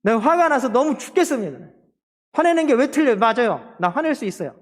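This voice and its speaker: Defiant, complaining male prophet, done by a man, high-pitched. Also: animated, a little fast. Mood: indignant. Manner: indignant complaining. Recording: long church hall reverb.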